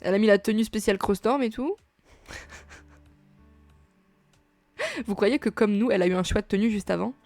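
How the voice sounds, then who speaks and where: A woman's voice: mid-range voice, expressive, a little slow, pauses often, a little mellow, dry recording, faint music behind. A woman doing casual let's play commentary on a story game, chatty and gushing, with many fillers, reading text aloud.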